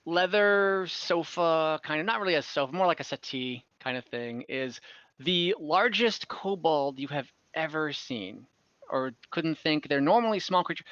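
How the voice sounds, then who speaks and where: Over an online voice call, close to the mic, a man with a high-leaning, slightly bright, clear and resonant voice improvises narration as game master of a tabletop fantasy game. He rambles haltingly and keeps stopping to correct himself. The recording is dry, with the highs cut off.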